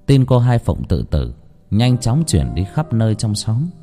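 A man narrating a ghost story in a dramatic, expressive manner. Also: lowish voice, a little slow. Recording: faint background music.

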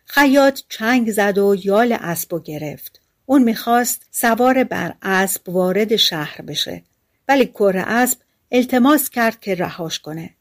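A woman reads a fairy tale aloud as an audiobook narrator. Her telling is calm and measured, at an everyday pitch. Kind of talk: scripted storybook narration.

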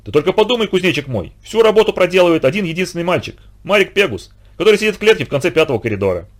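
A man voicing a conceited, self-pitying male bandit who flatters and boasts in a raised, wheedling voice. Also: high-pitched, racing, voice pushed up. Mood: boastful. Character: whiny, fawning, conceited adult male bandit.

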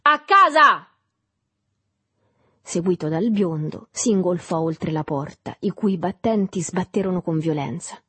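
A woman reading a literary novel aloud in a calm, measured way. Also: fairly low pitch, husky, no echo. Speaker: audiobook reader. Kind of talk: literary audiobook narration.

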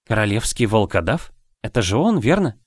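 A man's voice: fairly low pitch, moderate pace, slightly rough, dry recording, clean studio sound. A man voicing an eager, chatty young woman. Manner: eager, prying, excitable. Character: lively curious young woman, chatty friend.

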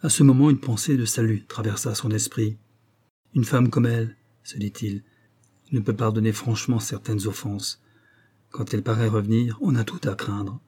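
A man reads a novel aloud in measured, scripted narration. His voice is dark and mellow, with a husky edge. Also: lowish voice. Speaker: audiobook narrator.

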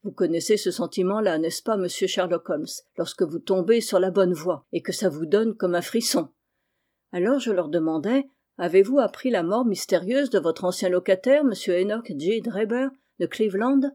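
A woman's voice: medium pitch, normal speed, mellow, natural voice. A woman reading the part of a self-satisfied male police detective, eager and pleased with himself, in an audiobook. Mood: boastful.

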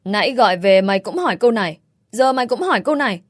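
A woman reading the part of a scheming middle-aged mother-in-law who feigns innocence, in a shrill, scolding manner. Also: lively intonation, very fast, dry recording, clean studio sound, natural voice. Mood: sharp.

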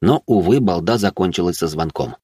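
A man narrating a first-person fantasy audiobook in a low-key, wry way. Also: expressive, fairly quick, dark tone, slightly rough, dry recording, clean studio sound.

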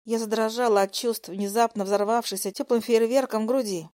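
A woman's voice: fairly high pitch, steady tone, brisk, a little mellow. Woman narrating a romance audiobook. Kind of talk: first-person audiobook narration.

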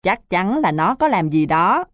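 A woman's voice: on the low side, very animated, a little slow, fairly bright tone, no echo, studio quality. A woman voicing a bossy, suspicious schoolboy who talks in an accusing, insistent way.

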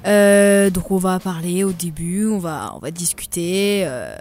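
A woman's voice: fairly low pitch, expressive, a little slow, darkish tone. A young woman guest on a casual podcast, explaining things hesitantly and giggling now and then.

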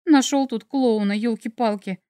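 A woman's voice: fairly high pitch, normal speed, mellow, clean tone, no room sound, close to an everyday voice. Woman voicing a flustered, sarcastic heroine. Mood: indignant. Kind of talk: audiobook character voice.

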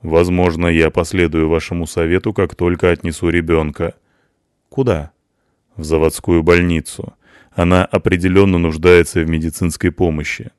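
A man voicing a calm, firm police enforcer in an audiobook, speaking slowly and formally. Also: low-pitched, clean tone, no room sound, clean studio sound, close to an everyday voice.

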